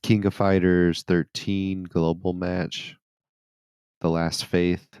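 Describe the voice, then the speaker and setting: A man's voice: low voice, level tone, slow pace, darkish tone, smooth, no room sound. A man co-hosting a gaming podcast, reading a list of releases with dry joking asides. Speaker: podcast co-host.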